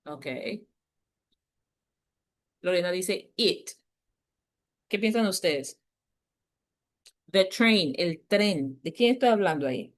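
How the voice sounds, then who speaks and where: A woman teacher explaining grammar to a class, patiently repeating key points and slowing down to stress them. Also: fairly low pitch, expressive. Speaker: English teacher.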